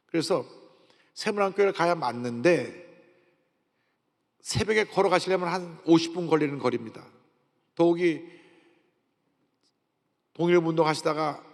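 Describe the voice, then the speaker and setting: A pastor in his sixties preaching a sermon and telling his own testimony, with sudden jumps between quiet and loud. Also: on the high side. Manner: storytelling with sudden swings in loudness. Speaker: senior pastor. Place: large church sanctuary. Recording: long reverb of a large church hall.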